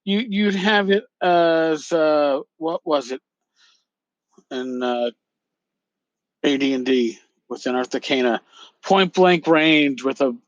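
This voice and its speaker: A man's voice: fairly high pitch, slow, long pauses, no echo, highs cut off. A man hosting a casual solo podcast, musing and rambling as he repeats phrases for emphasis. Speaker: podcast host.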